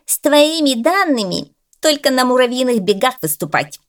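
A woman's voice: sits high, sing-song, normal speed, voice pushed up. A woman voicing a small, smug male French bulldog champion who taunts the others with sneering remarks.

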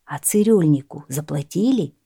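A woman's voice: sits low, animated, normal speed, mellow, husky, no room sound, clean studio sound, exaggerated voice. A woman voicing a sly, stubborn male peasant in a storybook reading. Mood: triumphant. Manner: stubborn, cunning, cheerfully boastful.

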